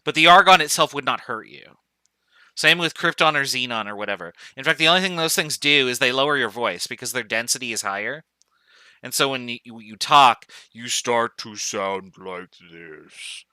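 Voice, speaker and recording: Bright, crisp-voiced man lecturing casually. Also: mid-range voice, brisk, no echo. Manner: casual, joking, thinks aloud with fillers. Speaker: chemistry professor. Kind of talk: online lecture.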